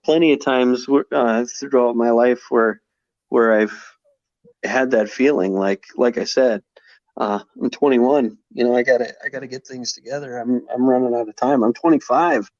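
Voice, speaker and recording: A man's voice: medium pitch, fairly even intonation, normal speed, a little mellow, dry recording. Reflective man in his forties. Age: 40s. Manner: reflective, many restarts and fillers. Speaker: podcast guest. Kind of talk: casual conversation. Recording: slightly dull podcast audio.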